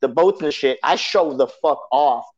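A man in his thirties appears as a podcast guest, speaking emphatically and casually with plenty of slang and frequent "you know what I'm saying." His slightly high voice is animated and unhurried. The lo-fi recording sounds dull.

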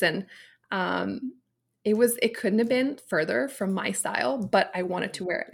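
A woman in her late thirties from Romania, a personal stylist speaking as a podcast guest, telling her story in an open, reflective way. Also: mid-range voice. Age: 30s. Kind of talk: casual interview chat.

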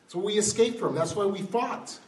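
Before a live audience, a man gives an impassioned political talk, firing off rhetorical questions and building to emphatic peaks. His voice is high-pitched, fairly quick and a little mellow. The recording comes from a roomy hall with a distant mic and faint ambience.

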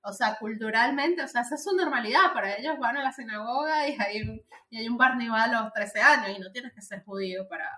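A woman's voice: fairly high pitch, fairly quick, hardly any pauses, pushed and bright, slight background noise. A woman in her thirties, chatting animatedly about a film as a podcast co-host, with lots of fillers. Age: 30s. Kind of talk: casual film review chat. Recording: echoey room.

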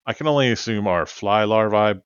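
A man's voice: on the low side, a little fast, clear, resonant tone, no echo. A man co-hosting a podcast, chatting casually and telling rambling stories with frequent laughs. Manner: rambling storyteller, laughs often. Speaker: podcast co-host. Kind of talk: casual chat. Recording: dull, lo-fi sound.

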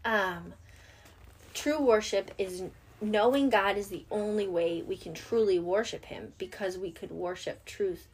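A young adult woman talking about her faith with earnest feeling, her voice husky and a little breathy. She speaks in a casual, heartfelt way, like she is chatting with a close friend. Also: medium pitch, unhurried. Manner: earnest, emotional, tearful at moments. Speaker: co-host.

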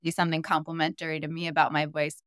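A woman's voice: deep voice, monotone, quick pace, fairly bright tone, no room sound, studio quality. A woman hosting a casual podcast interview in a supportive, complimentary, conversational manner.

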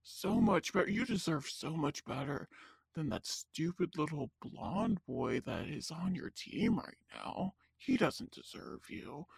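A woman voicing a disembodied tempting voice that whispers in a hushed, insinuating way. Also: low voice, lively intonation, measured pace, creaky, husky, voice pushed down, exaggerated voice.

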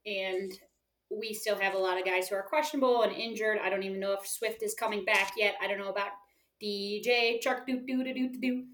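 A woman's voice: mid-range voice, steady tone, fairly quick, a bit bright, a little hiss or hum. A woman co-hosting a sports podcast, chatting about her picks in an upbeat, casual way. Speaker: podcast co-host. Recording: echoey room.

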